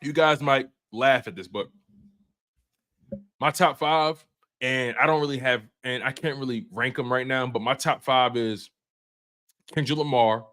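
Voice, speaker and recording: He's a twenty-something sports stream host who chats casually with viewers, full of slang, repeats, and restarted sentences. A medium-pitched voice, a slightly slow pace, and lots of pauses.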